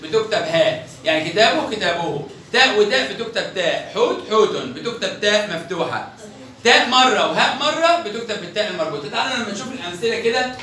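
A man's voice: high-pitched, sharp tone, a little hiss or hum. A man with an Egyptian Arabic accent teaching a children's grammar lesson, stretching out example words and quizzing pupils by name. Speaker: primary school teacher. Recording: echoey room, mic far off.

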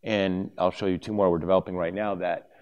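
Middle-aged man, very low voice, conference presenter at a lectern, loose and conversational, trips over his words now and then. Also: little pitch movement, fast talker, a little mellow, clean tone, lo-fi sound. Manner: conversational, with many fillers and restarts. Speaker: conference speaker. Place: conference hall stage, at a lectern. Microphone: lapel mic.

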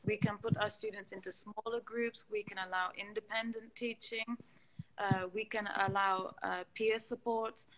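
A woman's voice: medium pitch, level tone, moderate pace, a bit bright, low-quality recording. A woman educational coordinator answering interview questions over a video call on a choppy connection with clicks, explaining her points step by step. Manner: explains points step by step, repeating phrases for emphasis.

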